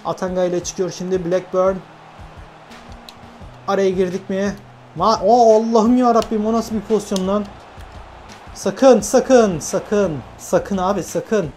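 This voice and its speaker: A young man from Turkey giving lively, self-talking commentary while playing a football video game, urging on his players. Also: high-pitched, a little slow, soft background music. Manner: animated, talks to himself and his players, frequent laughs. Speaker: gaming YouTuber. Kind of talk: excited gameplay commentary.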